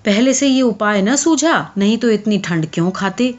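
Here a woman puts on a weary peasant farmer in a spoken story, a man worn down by cold and work. He grumbles low and only raises his voice to shout. The audio is dull and lo-fi. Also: lively intonation, natural voice. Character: worn-out poor male farmer on a cold night.

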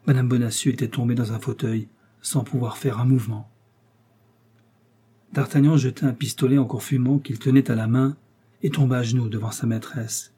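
A male audiobook narrator reads a classic novel in a steady, dramatic way. His voice is very dark and mellow, with a husky grain. The pitch sits in a middle range. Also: moderate pace.

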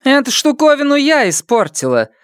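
A man's voice: sits high, big pitch swings, moderate pace, no room sound, studio quality, pitched above the performer's own voice. A man voicing a brazen, taunting young village woman in an audiobook. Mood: scornful. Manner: taunting and coaxing.

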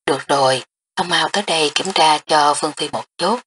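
A woman's voice: sits low, brisk, fairly bright tone, slight background noise. A woman reading an audiobook, voicing a young prince who speaks curtly and gives commands. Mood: impatient, commanding. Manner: curt, commanding.

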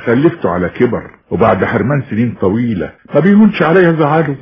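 An actor playing a kind, pious older Egyptian merchant and doting father in a radio drama, earnest and expressive. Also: mid-range voice, quick pace, husky, exaggerated voice. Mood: doting, wistful. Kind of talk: Arabic radio drama acting. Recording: dull lo-fi radio recording.

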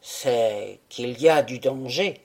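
A woman's voice: extremely low pitch, slow, darkish tone, slightly rough, voice pushed down, exaggerated voice. A woman voicing an anxious, obsessive male scientist in an audiobook, with an urgent and intense delivery. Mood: grave. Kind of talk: audiobook character reading.

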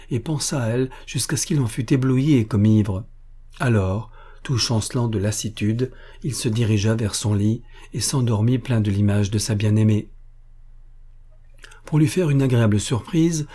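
A man reading a classic novel aloud for an audiobook. His voice is low and husky with a dark, mellow tone, and his delivery is measured and expressive. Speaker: narrator.

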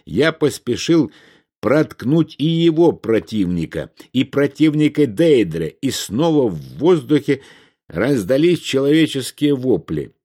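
A man narrating a first-person fantasy audiobook in a measured storytelling manner. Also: mid-range voice, very animated, mellow, slightly rough.

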